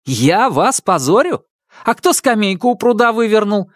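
An indignant young inventor, as a male reader puts him on, pitched high and ranting. His voice swoops up and down with outrage. Dry, close recording. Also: big pitch swings, takes it slowly, darkish tone, dry recording.

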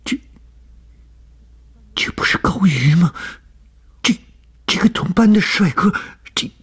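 A woman's voice: mid-range voice, animated, takes it slowly, breathy edge, pitched above the performer's own voice, full character voice. A man reading a story and voicing a young female student, jealous and enraged, who stammers and shrieks.

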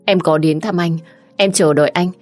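A woman's voice: on the low side, fairly even intonation, normal speed, faint music behind, lightly acted. A woman voicing a young woman heroine who pleads through tears in an audio story. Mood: tearful pleading.

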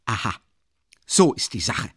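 A man reading an audiobook, voicing a pompous, offended middle-aged gentleman who speaks haughtily and indignantly. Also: a little slow, no room sound, studio quality, close to an everyday voice.

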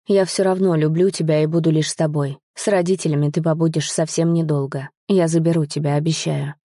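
A woman reading the lines of a young man, a tender, guilt-ridden lover, in a soft, pleading, earnest way. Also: low-pitched, fairly even intonation, fairly quick, no room sound, studio quality.

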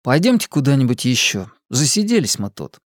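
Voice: medium pitch, very animated, fairly quick, dry recording, clean studio sound, natural voice. A reader voicing a cautious, uneasy boy who asks hesitant questions.

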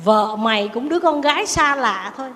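A woman doing a scornful sharp-tongued mother-in-law. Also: on the high side, lively intonation, brisk, long reverb tail. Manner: scolding, contemptuous.

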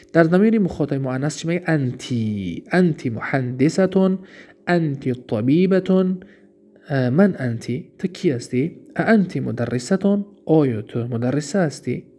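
A man's voice: mid-range voice, darkish tone. A man with a Tajik accent teaching Arabic grammar in a recorded lesson, reading each example and then translating it, and posing questions he answers himself. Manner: explains slowly, asks himself questions and answers them.

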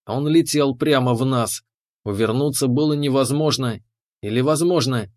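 A man's voice: medium pitch, moderate pace, darkish tone. A man narrating a first-person space adventure audiobook in a tense, dramatic way.

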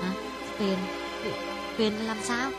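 A woman voicing a gossipy, blunt young woman in an audiobook, asking prying questions in a husky voice. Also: medium pitch, steady tone, slow pace, over music, lightly acted. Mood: startled, prying. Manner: scolding, nosy questions. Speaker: audiobook voice actress.

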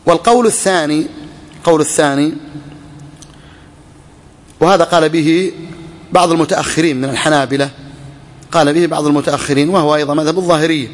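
Man, religious scholar, lecture, repeats phrases, raised pitch, reverberant hall. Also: fairly even intonation, fast talker, long pauses. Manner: repeats key phrases, asks and answers questions. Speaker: Islamic scholar teaching a fiqh text. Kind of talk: classroom lecture on a text.

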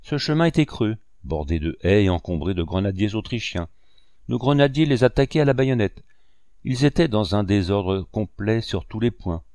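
A man narrating a first-person memoir in a steady, measured way. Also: fairly low pitch, dry recording, studio quality. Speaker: audiobook reader.

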